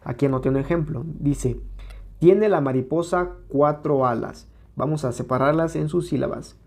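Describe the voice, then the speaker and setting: A man with a Mexican Spanish accent teaching an exam-prep lesson, patiently explaining step by step and sounding words out slowly. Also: on the high side, darkish tone.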